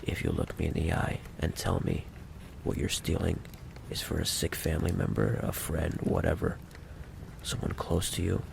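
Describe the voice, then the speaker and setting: In this ASMR roleplay monologue, a man voices a threatening, possessive mafia boss in a low, gravelly tone, speaking slowly and with cool condescension. The mood is calm menace, he stays fully in character, and the background is noisy.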